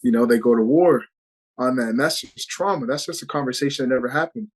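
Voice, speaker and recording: A man speaks in a mid-pitched voice as a guest on a video call. He sounds earnest and reflective and often trails off with "you know." He talks loosely, as in casual conversation. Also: fast, rough recording. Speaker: actor guest.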